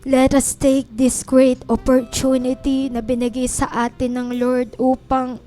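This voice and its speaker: High-voiced Filipina woman preaching. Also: little pitch movement, measured pace, mellow, soft background music. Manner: Tagalog-English code-switching preaching, rising to impassioned cries. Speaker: pastor. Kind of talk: sermon.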